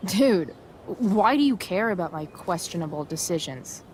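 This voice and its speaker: A woman's voice: on the low side, lively intonation, moderate pace, darkish tone, slight background noise, lightly acted. A woman playing a sardonic, rebellious teenage girl in a video game, talking in sarcastic, casual slang. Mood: teasing.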